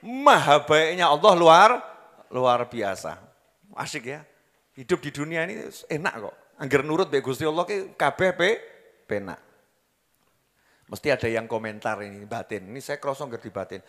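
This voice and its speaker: A man's voice: on the high side, animated, normal speed, fairly bright tone, long reverb tail. A man with a Javanese accent preaching a sermon, joking and quizzing his audience as he goes. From Java, Indonesia. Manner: jokey, asks the crowd questions, mixes in local dialect.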